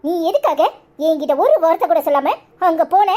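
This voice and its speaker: Woman doing a shrill scolding village wife. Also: big pitch swings, a little fast, warm tone. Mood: angry. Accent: Kanyakumari Tamil. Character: quarrelsome young village wife, sharp-tongued. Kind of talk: cartoon voice acting.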